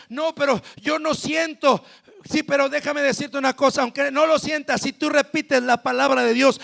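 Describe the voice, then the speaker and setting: Mexican pastor guy preaching, really high raspy voice, yells the big lines at the church. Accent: Mexican Spanish. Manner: preaching with shouted climaxes and direct address to the congregation. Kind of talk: sermon.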